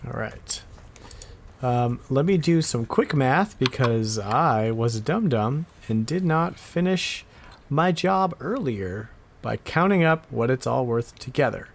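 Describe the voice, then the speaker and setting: This podcast co-host has a mid-range voice with vocal fry and lively intonation, and he takes it slowly. He banters playfully about retro games, sometimes muttering to himself as if exasperated, all in fun.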